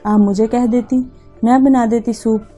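A woman's voice: fairly high pitch, fairly even intonation, measured pace, warm tone, breathy edge, soft background music. A woman voicing a middle-aged mother who scolds and reproaches firmly.

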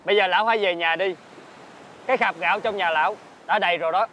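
A man's voice: high voice, fast, sharp tone, slight background noise, rough recording. An actor playing a young male dragon prince in human form who speaks in a formal, commanding way. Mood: solemn.

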